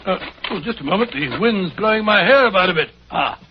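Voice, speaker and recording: A man playing a genial, bumbling gentleman doctor with a British accent, hesitant and avuncular, in 1940s radio style. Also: high voice, lively intonation, a little fast, husky. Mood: genial, flustered. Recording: dull, muffled 1940s radio recording.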